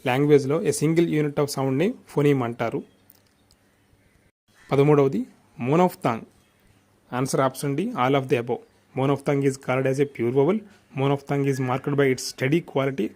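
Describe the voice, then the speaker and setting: A man's voice: mid-range voice, fairly even intonation, takes it slowly, pauses often, a little mellow. A man with a Telugu accent teaching an exam revision lesson. He reads out quiz questions and their answers and explains them, moving between English and Telugu.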